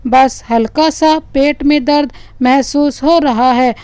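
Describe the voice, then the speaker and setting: A woman doing a calm reassuring husband. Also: sits high, takes it slowly, dry recording. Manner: soothing, reassuring.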